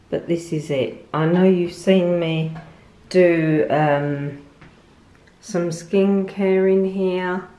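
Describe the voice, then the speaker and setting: An older woman chats slowly through a tour of her bathroom, wandering off into little asides with fillers and restarts. Her voice rings off the hard tiled walls, caught on a handheld phone. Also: low voice, mellow. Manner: chatty, rambling with fillers and restarts. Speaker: lifestyle vlogger. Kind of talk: casual home tour chat. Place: small tiled bathroom at home. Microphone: phone camera held by speaker. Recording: echoey tiled room.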